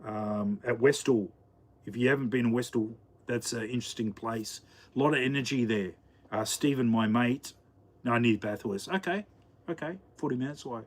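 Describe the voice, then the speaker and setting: A man chatting casually on a live stream, rambling and halting with lots of fillers. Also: mid-range voice, steady tone. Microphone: camera mic.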